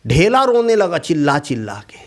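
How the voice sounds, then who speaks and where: A man narrating a children's story in an animated way, often asking his young listeners questions. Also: fairly high pitch, moderate pace.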